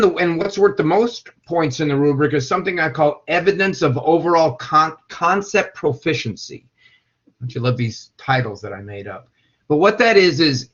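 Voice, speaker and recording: A man's voice: on the high side, fairly bright tone. A man teaching a class, rambling with many repeated words and checking whether his students follow. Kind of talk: classroom lecture. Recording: dull lo-fi classroom recording.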